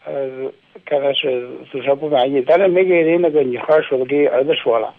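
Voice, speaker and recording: A man's voice: mid-range voice, a little fast. A middle-aged man calling in to a radio show, hesitant and full of fillers. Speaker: caller. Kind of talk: phoned-in radio chat. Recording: tinny phone line.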